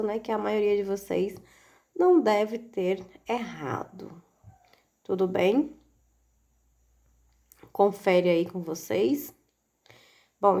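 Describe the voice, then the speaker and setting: A woman's voice: mid-range voice, gravelly, darkish tone. A woman teaching a recorded video lesson for children, speaking patiently and asking rhetorical questions as she goes. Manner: slow, patient, asks rhetorical questions with frequent "né?".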